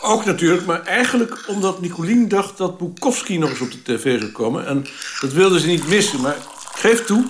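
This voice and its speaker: A man's voice: sits high, animated, brisk, slight background noise. Wry male narrator in a radio play. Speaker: narrator and lead character. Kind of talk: radio drama narration and dialogue.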